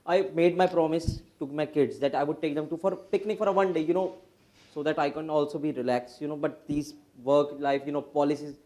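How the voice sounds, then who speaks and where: A man's voice: fairly high pitch, fairly even intonation, dark tone. An Indian-accented man playing a stressed, boastful tax lawyer who bursts into agitated rants. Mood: dejected. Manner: rapid agitated outbursts, mixes Hindi and English. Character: frazzled overworked male tax lawyer, anxious, boastful. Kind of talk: stage drama acting.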